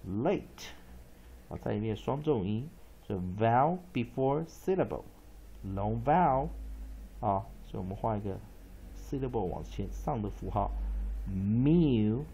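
A man with a gravelly, husky voice teaches spelling. He talks slowly and draws words out, and his pitch moves a lot as he repeats them. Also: lively intonation, dark tone, lo-fi sound. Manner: slow, drawn-out repetition of words and letters. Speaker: English teacher. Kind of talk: spelling and pronunciation lesson.

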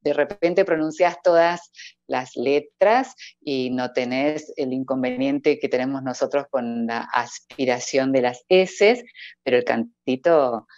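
A low-pitched voice-over artist from Córdoba, Argentina, speaks slowly and easily in a casual video-call interview from a room at home, laughing often with a warm, sing-song Cordobés lilt. Her earphone headset audio sounds a little dull and very dry, with no echo.

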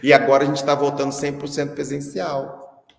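A man with a Brazilian accent doing a comic monologue as a teacher, animated and repeating lines for effect. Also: mid-range voice, a little fast, gravelly. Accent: Brazilian Portuguese. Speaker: comedian playing a teacher. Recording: echoey hall with long reverb.

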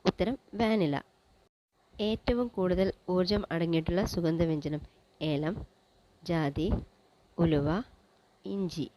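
A woman presenting a general-knowledge quiz, reading each question and its options in a measured, list-like way. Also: fairly low pitch, dark tone, no echo, poor audio.

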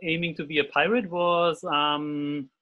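An Austrian illustrator in his forties speaks as a guest in a casual video-call interview from a desk in a room at home. His voice is fairly high with little pitch movement and a slightly slow pace, carrying an Austrian German accent. He sounds hesitant, full of fillers and restarts, and the call audio is dull.

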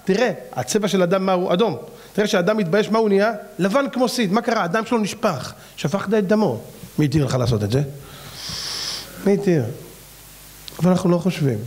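A rabbi delivers a fiery sermon in a high, bright tenor. He hammers his listeners with rhetorical questions, his voice leaping up and dropping low as he presses each point. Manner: fires off rhetorical questions with big pitch swings.

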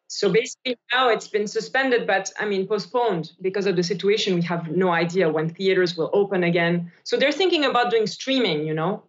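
A woman from Switzerland in her forties, an actress talking on a video call, pausing and repeating words as she thinks. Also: mid-range voice. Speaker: actress guest. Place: bright room indoors by a window. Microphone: laptop camera on video call. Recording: dull lo-fi video call audio.

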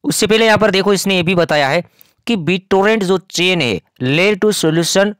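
A man's voice: sits high, moderate pace, fairly bright tone, smooth, no echo, studio quality. A man hosting his own channel, giving casual, chatty market commentary and speaking straight to his viewers. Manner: chatty, explanatory, addresses viewers directly. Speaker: crypto channel host.

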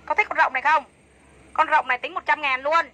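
A woman's voice: high-pitched, steady tone, brisk, bright, forceful tone, low-quality recording. A woman selling clothes on a livestream, chatty and enthusiastic, repeating prices over and over. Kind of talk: fast live-sale patter.

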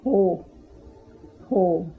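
A woman speaks in a husky, creaky voice, low and unhurried. She says each word slowly and carefully for a pronunciation lesson. The recording is muffled and lo-fi. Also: slight background noise. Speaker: language speaker modeling words. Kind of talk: slow repeated word pronunciation. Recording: dull lo-fi recording.

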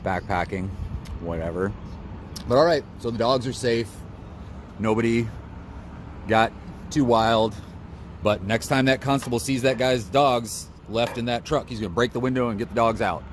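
A man's voice: medium pitch, normal speed, long pauses. A man casually narrating what he sees as he films on a city sidewalk. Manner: laid-back, rambling commentary. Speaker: street videographer. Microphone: handheld phone camera. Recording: outdoor phone audio with street noise. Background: street traffic noise.

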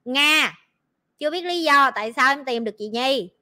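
Bright, blunt woman host. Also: high-pitched. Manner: blunt, teasing, talks fast in bursts. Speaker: livestream host. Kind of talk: casual livestream chat with team.

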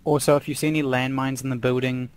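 A man's voice: medium pitch, little pitch movement, fast talker, a little hiss or hum. A man from New Zealand giving matter-of-fact tactical callouts to his squad over voice chat. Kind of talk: casual squad chat while gaming.

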